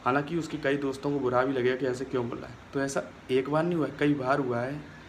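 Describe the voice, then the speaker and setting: Aggrieved young man venting flatly. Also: medium pitch, quick pace, slight background noise. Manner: aggrieved, complaining, retelling a quarrel. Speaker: vlogger. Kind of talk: casual venting vlog.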